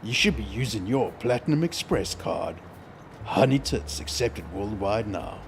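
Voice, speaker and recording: A man putting on a deep radio ad announcer. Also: expressive, creaky, a little hiss or hum. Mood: mock-sincere. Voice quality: low, slow announcer delivery. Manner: mock-sincere sales pitch. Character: smooth deep-voiced male radio ad announcer.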